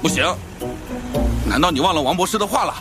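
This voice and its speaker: A man playing an excitable, bossy yet hapless everyman in an animated cartoon. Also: fairly high pitch, fast, natural voice. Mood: exasperated, proud. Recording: loud music over the voice.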